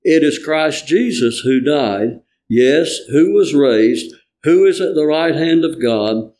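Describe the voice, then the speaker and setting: A man reading scripture in church, formally, with measured and earnest phrasing. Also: fairly high pitch, expressive, a little mellow.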